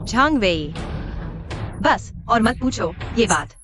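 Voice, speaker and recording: A woman's voice: on the high side, sing-song, slow, music in the background. An actress playing a young wife who keeps a secret and pleads with her husband and her boss. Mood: defensive. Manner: placating, pleading. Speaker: wife and employee.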